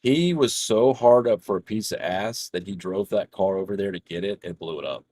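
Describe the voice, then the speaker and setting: A man's voice: fairly low pitch, normal speed, mellow, breathy edge, dry recording. A man casually telling a rambling, profane story while streaming a game. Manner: profane, rambling, laughs through his own anecdote. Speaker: gaming streamer.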